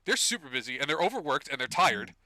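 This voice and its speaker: A man's voice: mid-range voice, very animated, fast, bright, forceful tone, no room sound, clean studio sound. A man narrating as game master of a tabletop game on a live stream, talking loosely with restarts and frequent laughs. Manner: loose, chatty, laughs often, restarts phrases.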